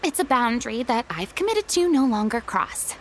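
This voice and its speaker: An actress voicing a haughty, dramatic retired stage diva in a video game, with theatrical, formal delivery. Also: female voice, fairly high pitch, big pitch swings, moderate pace, slight background noise. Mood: wistful, resolute. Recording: background music under clean studio dialogue.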